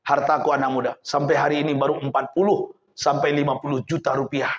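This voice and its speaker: A man's voice: fairly high pitch, flat delivery, voice pushed down, close to an everyday voice. A preacher doing a humble, repentant old rich man. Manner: slow, subdued, humble. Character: repentant rich man in his sixties, calm. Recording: roomy, dull sound.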